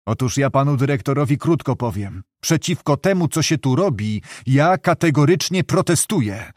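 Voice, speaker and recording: A man's voice: medium pitch, lively intonation, moderate pace, no echo, clean studio sound, close to an everyday voice. A man voicing a proud young male doctor who speaks with controlled, cold irony. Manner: controlled, ironic.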